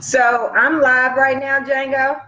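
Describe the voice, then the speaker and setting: A woman's voice: high-pitched, little pitch movement, slow pace, sharp tone. Heartfelt woman co-hosting a radio show. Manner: heartfelt, storytelling. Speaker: co-host. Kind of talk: casual radio chat. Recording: dull lo-fi livestream audio.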